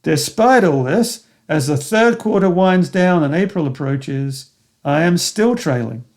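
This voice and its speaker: Older male memoir narrator, slightly higher-pitched, earnest and reflective, first-person storytelling. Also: animated, unhurried. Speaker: narrator of his own memoir.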